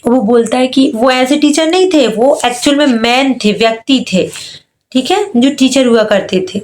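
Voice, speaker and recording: A woman teacher with a Hindi accent explains an English story, reading lines slowly and then paraphrasing them. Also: high-pitched, darkish tone.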